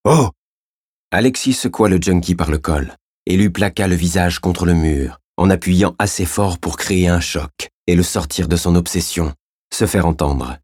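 A man reading a crime novel aloud as an audiobook narrator, in steady, measured scripted narration. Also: deep voice, husky, no room sound, studio quality.

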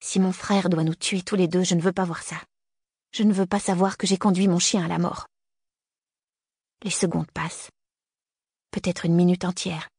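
A woman's voice: on the low side, steady tone, normal speed, long pauses, a little mellow, husky, no room sound, studio quality. A woman narrating a novel in the first person, with tense, breathless storytelling. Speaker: audiobook narrator.

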